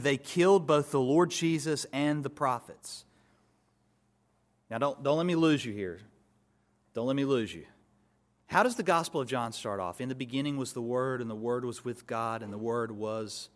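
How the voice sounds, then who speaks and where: A male pastor preaching an expository sermon, building to emphatic peaks and dropping to soft asides. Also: mid-range voice.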